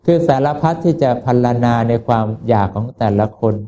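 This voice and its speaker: A man's voice: mid-range voice, expressive, brisk, mellow. A man giving a Buddhist sermon in a folksy, conversational way, asking his listeners rhetorical questions. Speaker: Buddhist preacher.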